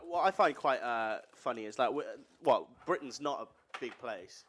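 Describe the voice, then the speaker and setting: Lively-voiced young man musing. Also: mid-range voice, normal speed, a little hiss or hum. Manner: musing, hesitant with fillers. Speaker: podcast co-host. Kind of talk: casual chat.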